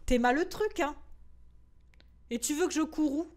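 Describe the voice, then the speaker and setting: A woman streaming a horror game live, talking excitedly to her viewers and the game and swearing often. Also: high voice, normal speed.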